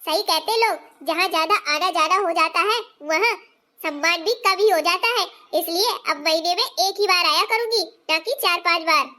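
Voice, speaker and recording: A woman's voice: extremely high pitch, moderate pace, pushed and bright. A woman voicing a proud, touchy married daughter in a cartoon family story, who talks in an indignant, huffy way.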